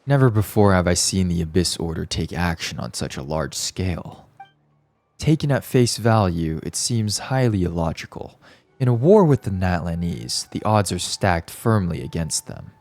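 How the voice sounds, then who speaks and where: A man's voice: low voice, very animated, normal speed, darkish tone. A man reading a game's lines as an aloof, weary swordsman in a tired, formal voice. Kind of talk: reading game dialogue aloud.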